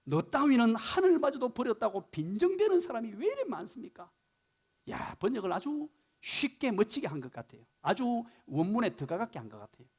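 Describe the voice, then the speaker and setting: A male pastor preaching a Sunday morning sermon in a church, animated and full of rhetorical questions as he explains Hebrew words of the text. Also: very high voice, brisk, breathy edge. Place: church sanctuary.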